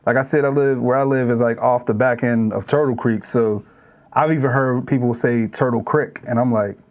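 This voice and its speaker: A man's voice: mid-range voice, fairly even intonation, normal speed, darkish tone. A man from the Braddock area near Pittsburgh, talking in a casual podcast conversation, rambling with many restarts. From Braddock area near Pittsburgh, USA. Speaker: podcast guest or host.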